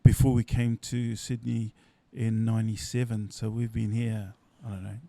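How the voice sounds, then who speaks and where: A middle-aged man telling his story as a podcast guest, unhurried and reflective, often trailing off softly and restarting. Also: fairly low pitch, level tone, gravelly. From New Zealand. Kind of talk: relaxed storytelling. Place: indoors at a company's headquarters.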